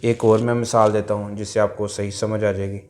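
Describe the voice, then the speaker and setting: A man teaching a language lesson, explaining pronunciation rules patiently, repeating each point and sounding out syllables slowly. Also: fairly low pitch, little pitch movement, a little mellow, soft background music.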